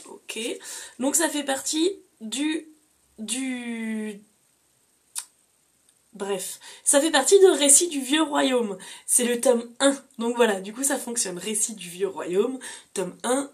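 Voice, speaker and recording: Slow, gravelly-voiced woman book vlogger. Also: a little high. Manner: chatty, listing books with frequent fillers. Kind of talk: casual reading-challenge vlog.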